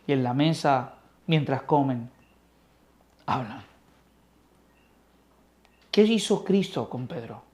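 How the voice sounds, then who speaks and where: A man teaching a Bible study like a sermon, swinging between loud emphasis and soft near-whispers. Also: mid-range voice, expressive, slow, long pauses.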